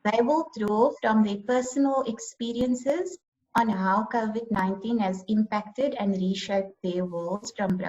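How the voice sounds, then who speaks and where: A woman's voice: medium pitch, dull audio. A woman from South Africa moderating an online panel, friendly, with frequent ums. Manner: friendly, filler-laden introductions. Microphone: video call.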